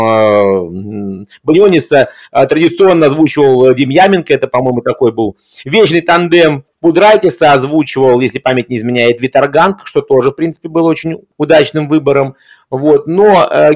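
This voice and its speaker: A man discussing film in a reflective conversational way, hesitant, with erudite and formal wording. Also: fairly high pitch.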